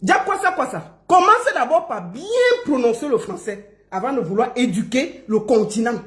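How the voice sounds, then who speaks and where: A woman delivers a mocking rant to her online audience, stretching out syllables like a teasing schoolteacher. Her voice sits high and swings widely in pitch. The sound rings in an echoey room. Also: animated, moderate pace, a bit bright. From Cameroon. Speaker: online commentator. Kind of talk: mocking live-stream rant.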